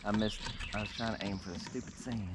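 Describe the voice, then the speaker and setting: A man with a lowish, fairly even voice talks quickly and casually, in laid-back slang, while fishing from a kayak on a river for his vlog. The kayak-mounted action camera makes the sound very noisy and sometimes distant.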